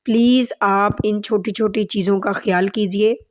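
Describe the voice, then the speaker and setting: Slow-paced woman teaching Quran recitation. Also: mid-range voice, steady tone, a little mellow. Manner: patient step-by-step correction; slow drawn-out chanted recitation. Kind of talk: tajweed lesson with recitation.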